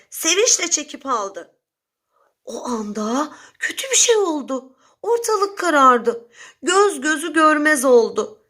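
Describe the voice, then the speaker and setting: A woman narrating a children's story in a slow, expressive storytelling manner. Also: on the high side.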